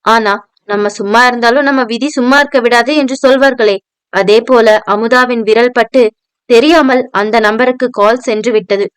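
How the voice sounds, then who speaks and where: Smooth, clear female audio novel narrator. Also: a little high, fairly even intonation, normal speed, no room sound. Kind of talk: scripted narration.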